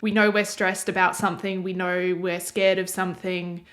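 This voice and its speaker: A young woman chatting casually as she reacts to a game trailer, rambling and thinking out loud. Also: lowish voice, level tone, moderate pace. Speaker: reaction video host.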